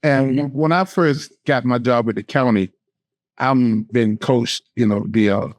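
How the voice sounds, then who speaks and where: A male host and therapist tells a story in an earnest, conversational way. His voice sits at a middle pitch, and he often restarts his sentences. The studio sound is dry. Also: measured pace, no room sound. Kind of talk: conversational talk show. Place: podcast studio.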